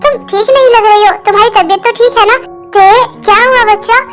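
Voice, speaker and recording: Fan-dub woman as a fussy older sister-in-law: very high, flat delivery, faint music. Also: a little fast. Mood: concerned. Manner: fussing, questioning. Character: caring sister-in-law, scolding and protective.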